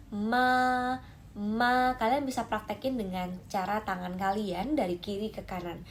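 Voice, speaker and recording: A woman's voice: mid-range voice, creaky, slight background noise. A woman teaching Mandarin tones in a lesson, calling out and stretching demonstration syllables. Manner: lively, drawn-out demonstration syllables. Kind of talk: explaining lesson to camera.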